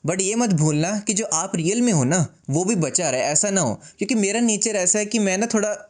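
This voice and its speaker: Man, vlogger, slightly high voice, slow and composed, deliberate pauses, mixes in English, self-deprecating humor. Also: animated, darkish tone. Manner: mixes English phrases into Hindi; self-deprecating, joking asides. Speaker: YouTuber. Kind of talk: casual advice vlog to camera. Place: seated indoors.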